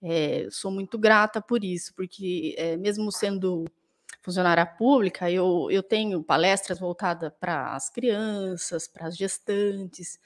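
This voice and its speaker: A woman's voice: on the low side, a little slow. A woman dentist and author answering interview questions, thoughtful and full of restarts and tag questions, with a Brazilian accent. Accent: Brazilian Portuguese.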